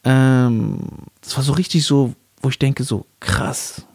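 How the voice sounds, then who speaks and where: A man co-hosting a talk podcast, telling a personal story in an animated way and acting out the voices of the people in it. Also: medium pitch, a little slow, gravelly, breathy edge. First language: Arabic. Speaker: podcast co-host. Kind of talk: casual storytelling chat.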